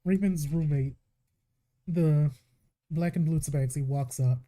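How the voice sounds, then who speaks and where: A man narrating a live tabletop game as game master, telling the story calmly and slipping into short in-character lines. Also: a little high, a little slow. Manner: calm storytelling with in-character asides.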